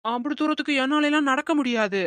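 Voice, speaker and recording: A woman voicing a naive, scheming younger woman in an animated comedy, speaking in an earnest, pleading way. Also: high-pitched, quick pace, dry recording.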